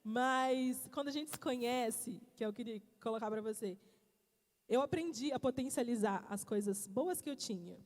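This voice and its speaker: A woman preaching a church sermon on marriage, animated and laughing as she tells stories. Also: fairly high pitch, normal speed. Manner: animated, storytelling, laughs often. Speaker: pastor's wife preaching. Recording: church hall reverb.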